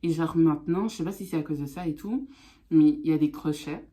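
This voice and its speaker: Low, mellow woman talking with braces. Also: a little fast. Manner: speech affected by newly fitted braces. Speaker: vlogger. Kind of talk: casual chat to camera.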